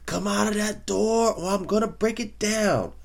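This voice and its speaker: Man doing a young cocky boxer shouting taunts. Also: high voice, moderate pace, vocal fry, voice pushed up. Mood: taunting. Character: young brash male boxer, cocky trash-talker.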